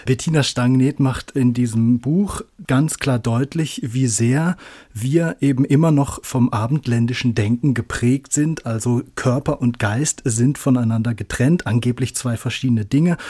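A man's voice: mid-range voice, warm tone, husky, no room sound, clean studio sound. A man discussing a book on radio, explaining his thoughts in a thoughtful way. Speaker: radio journalist.

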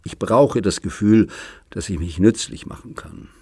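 A man voicing a lonely, generous old man in an audiobook, speaking in a measured, earnest way. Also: lowish voice, mellow, slightly rough, dry recording, clean studio sound. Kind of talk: audiobook reading.

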